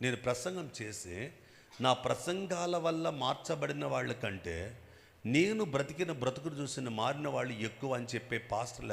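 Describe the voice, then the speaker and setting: A man preaching a sermon as bishop with a Telugu accent, emphatic, swinging from loud bursts to quiet asides and prodding the congregation with questions. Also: medium pitch, creaky. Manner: emphatic, bursts loud then drops soft, prods the crowd with questions. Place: church hall with long reverb. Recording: echoey church hall.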